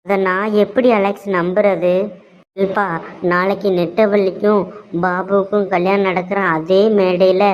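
A woman's voice: mid-range voice, flat delivery, unhurried, natural voice. A woman voicing a remorseful young man in a cartoon, pleading in a theatrical way, with a Tirunelveli Tamil accent. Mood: reassuring. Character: remorseful young man, scheming, wavering son. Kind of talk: cartoon voice acting. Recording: dull lo-fi sound.

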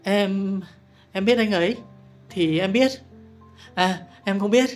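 A man's voice: high-pitched, takes it slowly, faint music behind, pitched above the performer's own voice. A man voicing a frightened, guilty young man in an audiobook, speaking in hesitant stammers. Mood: nervous. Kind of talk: audiobook character voice.

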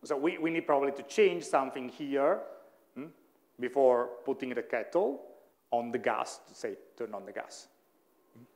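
A man with a mid-range voice lectures a university class, speaking English as a second language after Italian. He thinks aloud, corrects himself now and then, and keeps checking that listeners follow with a quick "hmm?". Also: mid-range voice, a little mellow.

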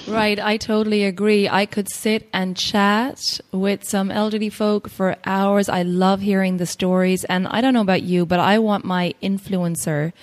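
A woman's voice: medium pitch, fairly even intonation, normal speed, few pauses. A woman in her forties hosting a podcast, agreeable and reflective as she chats with her guest. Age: 40s. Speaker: podcast host. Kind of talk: casual conversation.

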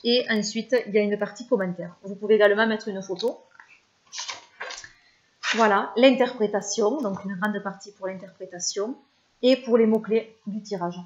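A woman's voice: medium pitch, normal speed, dull audio. A French-speaking woman vlogger chatting casually about her favorite channels, with many hesitations and fillers.

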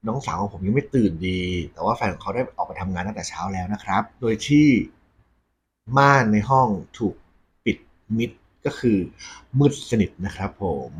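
A man hosting a ghost story segment, talking conversationally and politely to his audience with a husky voice. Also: on the low side. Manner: polite, frequent Thai male polite particles.

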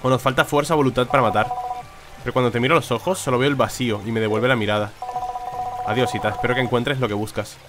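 A man reading the lines of a weary, ageless wanderer among the dead in a calm, solemn way. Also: mid-range voice, fast, natural voice. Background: game music.

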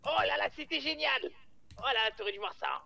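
A man plays a gleeful gossip who lives in the sewers, rattling off news in a high, bright, gravelly voice. He talks fast and is thrilled by every scandal. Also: full character voice. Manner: excited, gleeful storyteller. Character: cheerful gossiping male sewer informant. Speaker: roleplay game player on a phone call.

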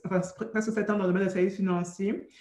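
A woman in her thirties from Cameroon, raised in France, speaking as an entrepreneur guest in a video call interview, quick and full of restarts. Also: mid-range voice, level tone, dark tone. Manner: quick, with many restarts and fillers. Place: room with a brick arch at home. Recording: roomy video call audio.

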